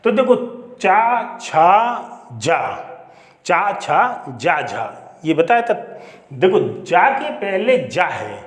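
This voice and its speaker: A man's voice: high-pitched, big pitch swings, extremely slow, roomy sound. A man teaching Hindi grammar, explaining step by step, repeating words and asking rhetorical questions. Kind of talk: classroom lesson.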